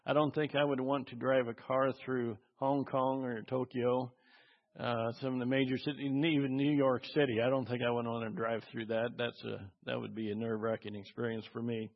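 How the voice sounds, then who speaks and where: A male pastor preaching a conversational sermon, asking the congregation questions and often pausing with fillers. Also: medium pitch, little pitch movement. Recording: dull audio with long hall reverb.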